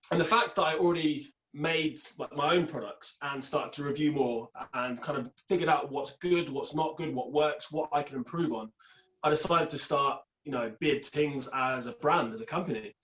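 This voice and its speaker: On a low-quality recording, a young man from Scotland who has an English accent talks at normal speed in a slightly high, fairly bright voice. Guesting on a podcast by phone, the beard product entrepreneur chats casually, rambling cheerfully through his story.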